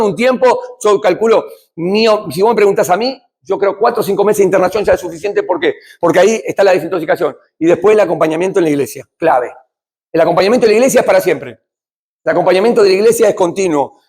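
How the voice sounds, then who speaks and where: A middle-aged man with a Rioplatense Spanish accent giving a church talk on addiction, speaking conversationally, asking his listeners questions and swinging between loud and hushed. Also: high voice, slightly rough. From Argentina.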